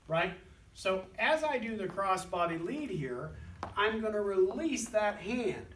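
High-voiced dance teacher in an echoey room. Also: male voice, a bit bright, recorded from a distance, slight background noise. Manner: counts steps aloud rhythmically. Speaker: dance instructor. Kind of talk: dance lesson instruction.

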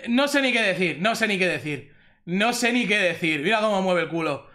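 A young man from Spain with a Spanish accent, doing excited pack opening commentary for his gaming channel, repeating himself and exclaiming at good pulls. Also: high voice, moderate pace. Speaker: gaming youtuber.

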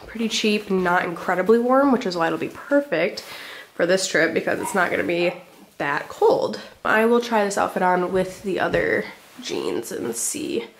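A young woman in her twenties chatting casually through a clothing try-on, a bit out of breath, filling her talk with "like". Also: on the low side. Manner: chatty, fillers like "like", upbeat. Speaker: vlogger. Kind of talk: casual try-on haul chat.

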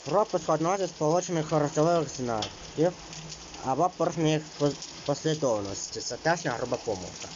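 A man of middle pitch gives an exam-prep lesson. He reads each rule and then explains it in a loose, filler-heavy way. The recording is a little dull, and faint rain is heard behind him. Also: animated, a little fast, noisy background. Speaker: teacher.

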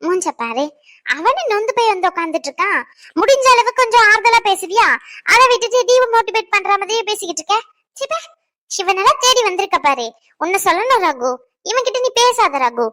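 A very high, bright cartoon wife with a sharp tongue, voiced by a woman, mocking her husband. Her pitch leaps up and down as she teases and scolds. The recording is dry and close. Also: animated, a little fast, heavily acted. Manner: teasing, scolding. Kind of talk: cartoon drama dubbing.

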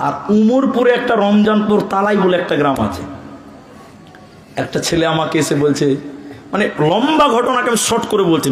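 Animated Bengali preacher with an echoey sound. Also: male voice, on the high side. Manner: animated, acts out dialogue, asks the crowd questions. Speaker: Islamic preacher. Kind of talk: humorous sermon storytelling.

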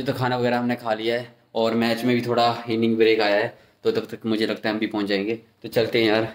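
A young man vlogging casually, chatting and joking with friends while out on the street and at a stadium. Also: lowish voice. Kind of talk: casual vlog chat. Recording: outdoor crowd and traffic noise.

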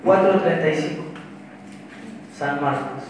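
A young man with a Paraguayan Spanish accent delivers a sermon in a high voice, pausing and restarting phrases as he explains the text. He speaks into a handheld mic at a pulpit in a small church hall, picked up from far back with heavy room echo and faint background noise. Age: young adult. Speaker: preacher. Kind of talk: sermon with prayer. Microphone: handheld mic at a pulpit, filmed from far.

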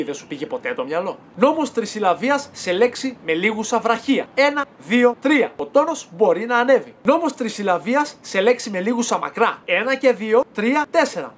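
A woman teaching in a brisk scripted lesson, talking straight to the listener. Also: mid-range voice, a little hiss or hum. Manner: brisk, direct, addresses the listener.

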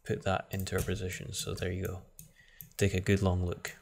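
This screen-recorded software tutorial features a man whose voice is low and gravelly, speaking a little fast over slight background noise. His delivery is flat and easygoing, and he thinks out loud, often starting sentences over.

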